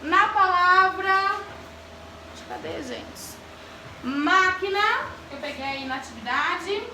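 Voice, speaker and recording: Woman, teacher, grammar lesson for children, very high voice, echoey classroom, distant mic. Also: animated, a little slow, noisy background. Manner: addresses pupils by name, asks the class questions.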